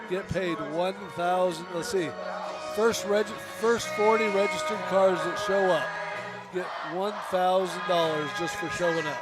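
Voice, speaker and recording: Older male race announcer, loud music behind. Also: high-pitched. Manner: joking, reminiscing banter. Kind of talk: casual commentary. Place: outdoors at a racetrack.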